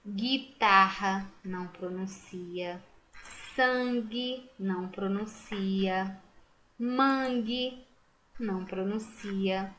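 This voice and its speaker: A Brazilian woman teaching a primary school lesson, patiently sounding out words syllable by syllable. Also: mid-range voice. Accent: Brazilian Portuguese. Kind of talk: recorded remote class lesson.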